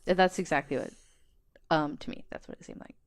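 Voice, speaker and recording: A woman's voice: low voice, brisk. A woman co-hosting a podcast, chatty and self-deprecating, reading call transcripts aloud. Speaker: podcast co-host.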